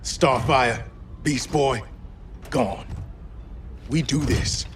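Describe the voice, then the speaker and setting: An actor playing a grieving, resentful cyborg superhero, terse and intense, in a dramatic game cutscene. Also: male voice, medium pitch, extremely slow. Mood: bitter, determined. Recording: distant sound with clear background noise.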